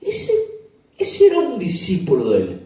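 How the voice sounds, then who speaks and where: A man's voice: high-pitched, wildly swooping pitch, a little slow, warm tone, voice pushed up, heavily acted. A man voicing a woman bystander who points someone out accusingly. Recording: echoey church hall, distant mic.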